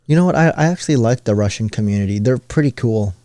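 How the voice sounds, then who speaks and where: A man's voice: mid-range voice, lively intonation, fast talker, mellow, no room sound. A young man co-hosting a podcast in casual chat, tossing out jokes and rambling questions. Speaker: podcast co-host.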